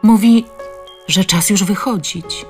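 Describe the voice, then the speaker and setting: A woman's voice: medium pitch, takes it slowly, soft background music, voice pushed up, natural voice. Audiobook elderly mother near death, frail and bewildered; woman narrator voicing. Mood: puzzled. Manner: bewildered, weak. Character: dying elderly mother, confused and faint.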